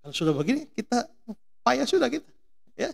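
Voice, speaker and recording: A man's voice: very high-pitched, fairly quick, vocal fry. A middle-aged man from Indonesia preaching a sermon, telling stories and firing questions at the congregation. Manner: animated storytelling, mimics voices, asks congregation questions. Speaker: pastor.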